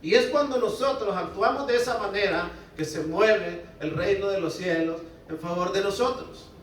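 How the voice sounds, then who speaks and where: A man's voice: sits high, normal speed, heavy reverb, recorded from a distance, slight background noise, poor audio. A male pastor preaching a sermon in a conversational way, often asking the congregation to respond. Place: church hall.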